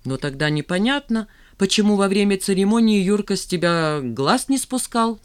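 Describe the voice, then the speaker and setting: A nosy male friend , as an audiobook reader plays him, chatters with eager curiosity. He runs through the rumours in an animated, slightly self-important voice at a middle pitch. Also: moderate pace, smooth, lightly acted. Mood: gossipy. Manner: gossipy, animated. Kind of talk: audiobook character voice.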